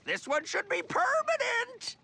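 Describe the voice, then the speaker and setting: An excitable old hermit tinkerer who hollers in a high, crackly, gravelly voice. He rambles with a twangy, cackling glee, and his pitch leaps all over. Cartoon music runs under him. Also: unhurried, exaggerated voice. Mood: cheerful. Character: wild-eyed old male hermit inventor, cackling.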